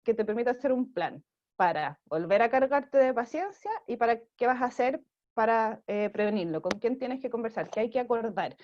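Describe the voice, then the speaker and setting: A Chilean woman with a fairly high voice talks through parenting advice in an interview, pausing on fillers and often checking in with "¿sí?". Her sound is dull and lo-fi, like a video call. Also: lively intonation, darkish tone. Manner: explanatory, frequent fillers and checking "¿sí?". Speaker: parenting program director.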